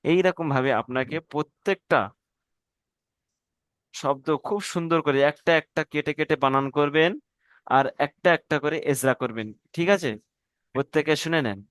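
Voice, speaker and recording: Male teacher, smooth clear voice, dry close sound, drills letter-by-letter spelling. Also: mid-range voice, fairly bright tone, no echo. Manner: spells out letters slowly, syllable by syllable; addresses students politely as brothers. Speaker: Quran reading teacher. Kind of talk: online class instruction.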